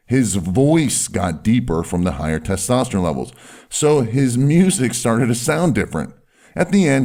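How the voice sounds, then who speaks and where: A man with a deep, firm voice presenting instructional advice in an emphatic way, stretching key words and often checking in with short tag questions. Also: a little mellow. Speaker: presenter giving voice and health advice. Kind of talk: instructional talk to camera or listener, salesy explainer.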